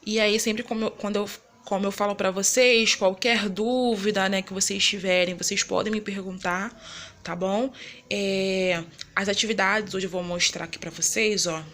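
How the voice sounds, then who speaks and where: A woman's voice: mid-range voice, a bit bright, slight background noise. A Brazilian woman teacher in a recorded lesson, patiently explaining and repeating herself, checking in with her students over and over. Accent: Brazilian Portuguese. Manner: frequent tag questions like né and tá bom.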